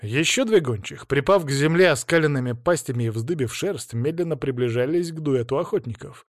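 A man narrating a fantasy novel in the first person with brisk, vivid delivery. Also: on the high side, expressive, no echo, clean studio sound.

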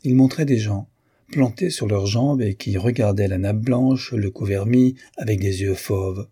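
A man reading a novel aloud as narrator, measured and expressive. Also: on the low side, slightly rough.

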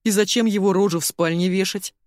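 A woman's voice: low voice, very animated, measured pace, no room sound, studio quality, full character voice. A woman voicing a naive, stout older police colonel who asks blunt, bewildered questions in an audiobook. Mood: baffled. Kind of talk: audiobook character voice.

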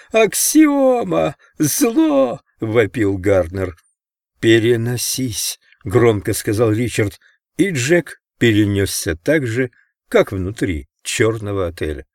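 Low-voiced man narrating an audiobook. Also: no room sound, clean studio sound. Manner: measured, steady reading. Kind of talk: scripted narration.

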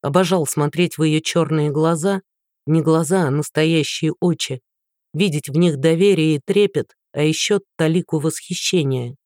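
A woman narrating a romance novel in an even, matter-of-fact storytelling voice. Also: deep voice, normal speed, dry recording, clean studio sound. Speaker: audiobook narrator. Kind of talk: scripted narration.

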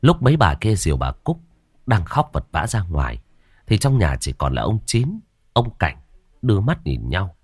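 A man narrating a ghost story in a dramatic, lively storytelling manner. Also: low voice, moderate pace, slightly rough, dry recording, studio quality.

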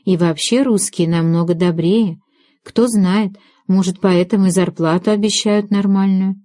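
A woman reading the lines of a sharp-tongued young woman in an audiobook, ironic and snappy. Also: medium pitch, fairly even intonation, normal speed, dry recording, studio quality, natural voice. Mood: musing.

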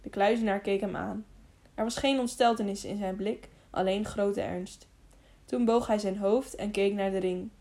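Mellow-voiced woman reading an audiobook. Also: medium pitch, normal speed, few pauses. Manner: steady reading with occasional restarts. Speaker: audiobook narrator. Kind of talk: audiobook narration.

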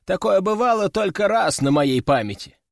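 A man's voice: high voice, lively intonation, moderate pace, vocal fry, dry recording, clean studio sound, pitched above the performer's own voice. Man doing a panicky lab technician. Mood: defensive. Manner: panicky, whining. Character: flustered nervous lab technician.

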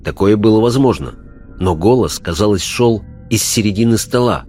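A man narrating an audiobook in an even, measured way. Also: on the low side, soft background music.

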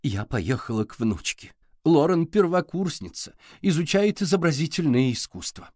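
A man's voice: fairly high pitch, lively intonation, normal speed, darkish tone, no echo, clean studio sound, voice pushed up. A man voicing a nervous, evasive older woman librarian who hesitates.

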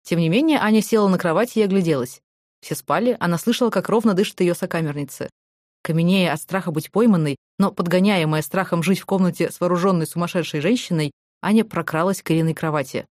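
Fast-paced woman reading a novel. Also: fairly low pitch, darkish tone, no room sound, studio quality. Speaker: audiobook narrator. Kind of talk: scripted narration.

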